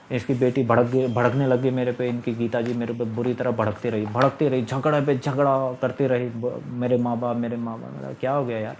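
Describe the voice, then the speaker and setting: A man's voice: mid-range voice, a little mellow, slight background noise. A middle-aged man telling a long personal story in a casual, rambling, aggrieved way, repeating his phrases. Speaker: storyteller recounting his marriage. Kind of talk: casual spoken monologue.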